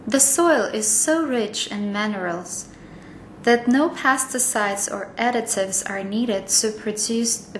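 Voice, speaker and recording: Woman, corporate training narrator; higher voice, unhurried read, roomy echo. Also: slight background noise.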